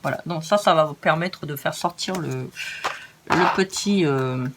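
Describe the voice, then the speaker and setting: A woman's voice: deep voice, unhurried, background noise. A tired woman with a northern French accent, hosting a casual craft tutorial in a chatty, rambling way with many hesitations.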